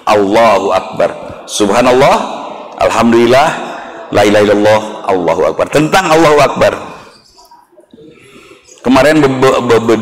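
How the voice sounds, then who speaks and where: Lively Sundanese-accented man preaching. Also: fairly low pitch, a little hiss or hum. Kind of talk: Islamic sermon. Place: mosque.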